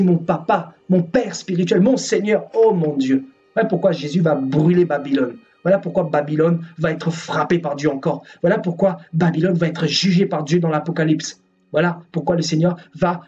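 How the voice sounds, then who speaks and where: A male preacher delivers a fervent, scolding sermon in a high voice, hammering his points with repetition. The sound is dull and a bit distant from the mic. Faint music sits behind him. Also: mellow.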